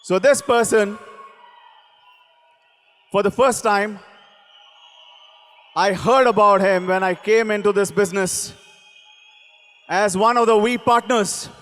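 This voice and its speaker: Male event host, booming motivational rally speech, commanding shouted delivery, unhurried, long hall reverb. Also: soft background music. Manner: commanding, exhortatory, shouted calls with repeated phrases. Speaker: event host introducing a speaker. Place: large event hall on stage.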